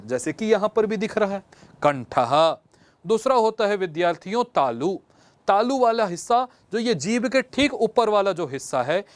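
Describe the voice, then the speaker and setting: High-voiced man teaching patiently. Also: no room sound. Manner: patient, explaining step by step with repeated examples. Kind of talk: classroom lesson.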